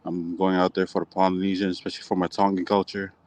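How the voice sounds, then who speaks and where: A young man from Hawaii answering interview questions casually in a calm, nonchalant, understated way. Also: sits low, fast talker, no echo. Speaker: slap fighting athlete being interviewed.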